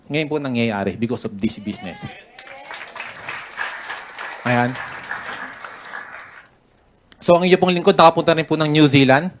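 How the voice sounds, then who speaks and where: A man's voice: on the high side, a little slow, long pauses, a faint crowd, slight background noise. A Filipino man, a business mentor, giving a chatty, joking motivational talk full of stories and laughter. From Philippines. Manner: chatty, jokey, laughs while telling stories. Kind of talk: motivational story-telling talk.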